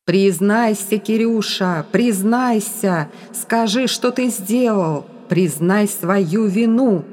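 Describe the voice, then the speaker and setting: A woman voicing a young woman who poses as a vengeful ghost, speaking in a high, drawn-out voice that turns from coaxing to menacing. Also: a little mellow.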